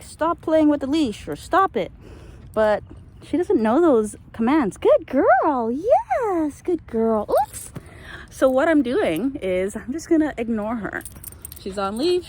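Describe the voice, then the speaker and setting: A woman's voice: sits high, a little mellow. A woman chatting casually to camera as she walks and handles her dog, explaining things like an owner giving training tips. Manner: talking while out walking and handling a dog. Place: out on a walk with a dog. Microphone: handheld camera microphone. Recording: noisy handheld camera recording.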